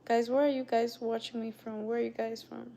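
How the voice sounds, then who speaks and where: Speaking briskly and flatly, this young livestream host has a fairly high, dark voice with vocal fry and a little hiss or hum in the background. She has a non-native English accent and greets viewers by name in casual chat.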